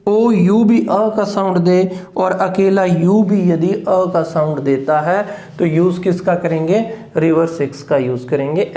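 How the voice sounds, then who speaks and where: An English phonetics teacher giving a classroom lesson. The teacher breaks words into syllables, drills them slowly, and keeps checking whether the class has understood. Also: medium pitch, dark tone. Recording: echoey room.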